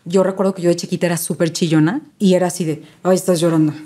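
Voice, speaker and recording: A woman's voice: on the low side, fairly even intonation, rapid-fire, warm tone. A woman, a guest speaking as a maternity and grief specialist in a casual interview, earnest and repeating key phrases for emphasis.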